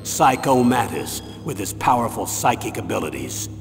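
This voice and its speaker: An actor playing a stern, insistent veteran colonel with a gravelly voice, giving an authoritative military mission briefing in a video game. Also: male voice, medium pitch, sing-song. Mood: grave, informative. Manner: measured, authoritative briefing delivery. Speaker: commanding officer. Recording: long reverb, music behind. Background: music.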